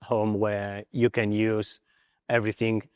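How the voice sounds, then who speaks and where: A man's voice: on the low side, little pitch movement, unhurried, darkish tone, clean tone, no room sound, clean studio sound, big-room sound. A man, an assistant coach on a panel, speaking thoughtful, hesitant English with frequent fillers. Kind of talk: panel interview on stage.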